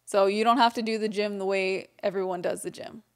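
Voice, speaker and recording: A woman's voice: medium pitch, steady tone, fairly quick, smooth. Playful woman podcast co-host. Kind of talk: casual podcast chat. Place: home studio, indoors. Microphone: desk mic on a stand.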